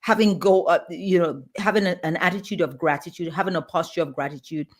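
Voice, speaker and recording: Earnest woman, lower voice. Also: a little fast. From Nigeria. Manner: earnest, emphatic, with frequent restarts. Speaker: guest pediatrician and leadership coach. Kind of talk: conversational interview answers.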